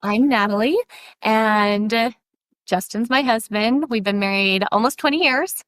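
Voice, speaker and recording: A woman's voice: a little high, a little slow, a bit bright, dry recording. A woman in her forties, a podcast guest, telling a story in a chatty way and acting out what people said. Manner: chatty, laughs often, acts out quoted talk. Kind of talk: casual storytelling.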